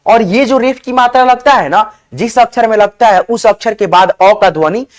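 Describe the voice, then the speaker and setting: A man teaching how to spell words, spelling them slowly letter by letter and often calling viewers his friends. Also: sits high.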